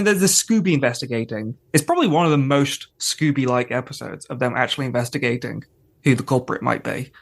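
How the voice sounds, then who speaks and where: In a slightly high, somewhat bright voice, a podcast co-host talks conversationally and ramblingly about television during a casual episode discussion.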